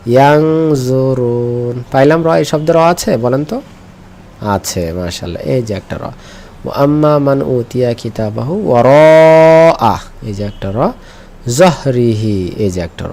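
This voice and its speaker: A man teaches Quran reading and the Arabic letters, patiently drilling pronunciation through call-and-response. He repeats each letter and asks learners to echo it. His mid-range voice is gravelly and darkish, with slight background noise.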